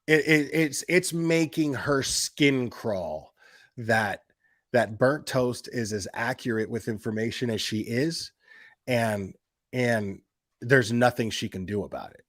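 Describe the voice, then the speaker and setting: A man with a medium-pitched voice hosts a commentary stream, reacting casually and sarcastically, mocking and swearing as he hammers his points home by repeating them emphatically. His manner is profane, and the recording is dry with clean studio sound.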